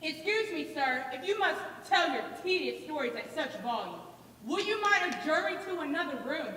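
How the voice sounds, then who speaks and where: A woman's voice: high voice, animated, normal speed, pushed and bright. A woman acting a haughty, sarcastic tavern patron in a stage play with dry politeness. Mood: irritated, sarcastic. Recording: echoey noisy theatre hall, distant mic.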